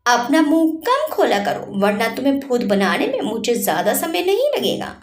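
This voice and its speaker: A woman's voice: sits high, huge pitch swings, moderate pace, reverberant. A woman voicing a curt, irritated young man in a narrated story. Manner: curt, snapping.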